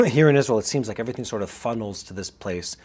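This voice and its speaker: A man co-hosting a podcast, talking through analysis quickly with frequent fillers and restarts. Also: mid-range voice, expressive, darkish tone, slightly rough. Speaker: podcast co-host. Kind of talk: casual analytical chat. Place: Israel.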